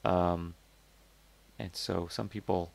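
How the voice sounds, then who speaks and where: This host's voice is deep, with little pitch movement, a slow pace and vocal fry. He casually reviews crowdfunding products, thinking aloud through plenty of fillers and restarts in a skeptical, conversational tone.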